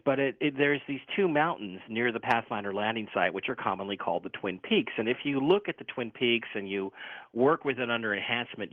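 A man speaking as a talk radio guest, explaining informally in a halting, conversational way over a phone-like line. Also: mid-range voice, no echo.

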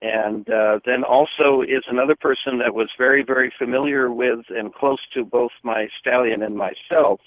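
A man's voice: mid-range voice, steady tone, normal speed, few pauses, no room sound. A man from Nebraska calling in to a radio show over the phone, asking an earnest question with some hesitation. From Nebraska, USA. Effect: heard over the phone. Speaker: radio call-in caller. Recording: tinny phone line, dry.

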